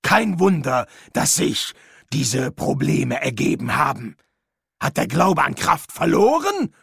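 Death in a radio play: a solemn skeletal being who speaks very slowly in a deep-set, heavily gravelly and husky voice. His pitch swings widely between words. The recording is dry and close. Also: very animated, fairly bright tone, dry recording, exaggerated voice.

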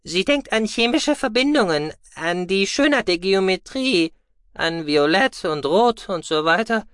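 A man's voice: a little slow, smooth, no echo, clean studio sound. A man voicing a small, cheeky, furry male alien who is telepathic, for an audiobook. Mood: worried. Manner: high, excitable, defensive. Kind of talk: audiobook reading.

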